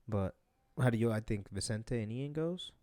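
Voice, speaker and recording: A man's voice: mid-range voice, expressive, moderate pace, a little mellow, no echo. A young man co-hosting a podcast, chatting casually about fights in a rambling way, full of fillers and restarts. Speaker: podcast co-host.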